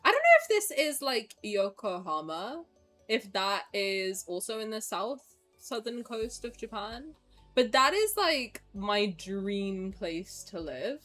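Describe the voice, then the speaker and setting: Streaming a game, a woman in her twenties chats animatedly and casually with her audience, occasionally cursing and reading the game's text out loud. She speaks slowly in a mid-range, fairly bright, very animated voice over soft background music.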